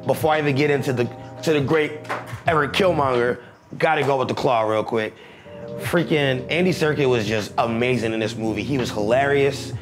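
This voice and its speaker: A young man reviewing a movie in a casual, excitable chat, joking and swearing freely. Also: mid-range voice, fairly quick. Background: music.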